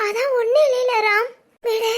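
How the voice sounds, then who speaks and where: A woman's voice: fairly even intonation, a little slow. A woman voicing a fragile, devoted young wife in a cartoon family drama, talking in a tearful, pleading way. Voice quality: very high, girlish.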